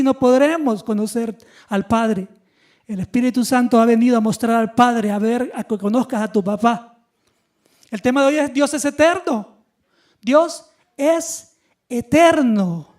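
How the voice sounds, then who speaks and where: Delivering a Sunday sermon, this pastor speaks in a very high voice. He teaches with energy and keeps asking the congregation questions.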